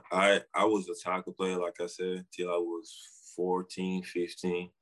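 A man's voice: deep voice, poor audio. A young man with a Senegalese accent giving short, informal, slangy answers as a guest in a casual interview. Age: young adult. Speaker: interview guest, basketball player.

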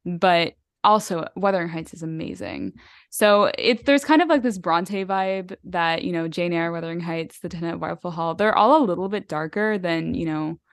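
A woman's voice: lowish voice, moderate pace, no room sound, studio quality. A woman co-hosting a podcast, chatting casually and enthusiastically about books, rambling with lots of fillers and little laughs. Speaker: podcast co-host. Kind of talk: casual book chat.

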